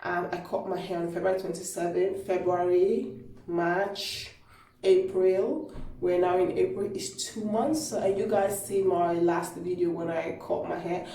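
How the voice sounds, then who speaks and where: Chatty woman rambling through a hair vlog, mellow voice, low quality phone stream from the bathroom, sits back from the mic. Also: fairly even intonation, unhurried, slight background noise. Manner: chatty and rambling, with many fillers and restarts. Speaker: hair care vlogger. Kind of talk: casual how-to vlog. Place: small echoey home bathroom. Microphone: mobile phone camera. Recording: low-quality echoey phone recording from a distance.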